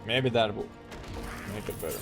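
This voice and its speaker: A man's voice: lowish voice, expressive, moderate pace, vocal fry. A man hosting a gameplay video with casual commentary, musing to himself as he plays. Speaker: gaming video host. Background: loud game music.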